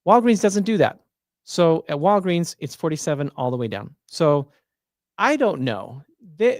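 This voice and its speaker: Man, livestream host, casual chatty explainer, slightly high voice, dry close sound. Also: no echo. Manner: chatty, thinks aloud with frequent fillers and restarts. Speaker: Medicare plan advisor hosting a livestream.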